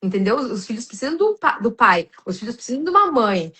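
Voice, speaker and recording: Uma mulher brasileira, com sotaque brasileiro, fala com sinceridade em um podcast cristão, com muitas hesitações e recomeços. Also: female voice, fairly high pitch, sing-song, brisk, bright, forceful tone, husky. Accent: Brazilian Portuguese. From Brazil. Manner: earnest, many restarts and fillers, addresses listeners as "gente". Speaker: podcast guest.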